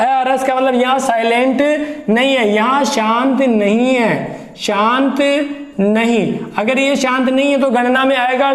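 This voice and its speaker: A man with a very high voice teaches a grammar lesson to exam students. He goes slowly, says each example word several times and questions his students as he builds the point. The sound is echoey, with the room ringing around him. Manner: slow, repeats words aloud to show how they sound; explains step by step and asks the students questions.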